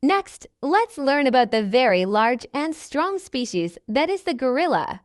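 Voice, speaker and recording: A woman reading scripted nature documentary narration in a measured, instructional manner. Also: high voice, big pitch swings, no room sound, studio quality.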